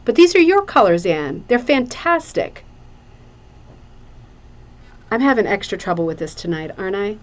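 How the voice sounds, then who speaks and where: Woman, casual craft show host, mid-pitched voice, effusive, rambling, chatty, repeats herself for emphasis. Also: sing-song, moderate pace, pauses often. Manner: effusive, gushing over items, repeats phrases for emphasis. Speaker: craft show host presenting viewers' hooked rugs.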